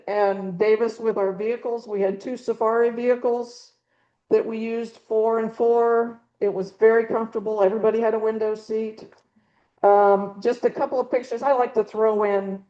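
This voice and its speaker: Presenting slides at a birding club, this middle-aged woman rambles casually, often saying um and starting over. Her voice sits at a medium pitch with a dark tone, and the recording sounds muffled. A small audience fills the meeting room, and her handheld or clip mic has a failing battery.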